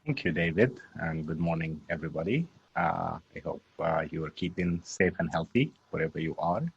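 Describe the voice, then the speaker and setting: A man from Sudan speaking as a human rights activist on a panel, measured and hesitant. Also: low-pitched, creaky, husky, muffled recording. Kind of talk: panel talk.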